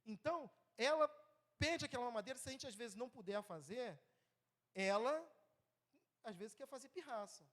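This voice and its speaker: A man in his thirties with a Brazilian Portuguese accent preaches a sermon in church in a conversational way, often checking in with the congregation. His very high-pitched voice moves at a moderate pace with frequent pauses, lively and swinging between loud and soft.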